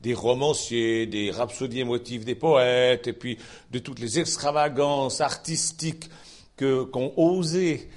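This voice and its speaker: In an unhurried, mid-range voice, a Swiss French–accented man from Switzerland preaches a relaxed Bible sermon. He speaks in a folksy way, turning aside to chat with listeners and lifting his emphasis in lively rises.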